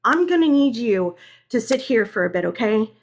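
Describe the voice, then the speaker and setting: A brusque male police officer played by a woman narrator in a dramatic audio story. He is firm and commanding, with a raised, higher-pitched voice. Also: very animated, brisk. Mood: firm, calm.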